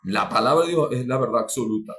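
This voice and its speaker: A man preaching a sermon, fervent, with sudden rises in pitch and loudness, repeating and restarting phrases as he speaks to his listeners. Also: quick pace. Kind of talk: podcast sermon.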